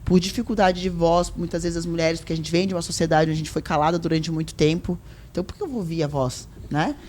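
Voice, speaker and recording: A quick, low-voiced woman speaks in a relaxed podcast chat. She tells her stories in a lively way and keeps voicing the people in them. A faint background hum sits under her voice. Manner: animated storytelling, quotes herself and others. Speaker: podcast guest. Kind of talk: casual podcast conversation.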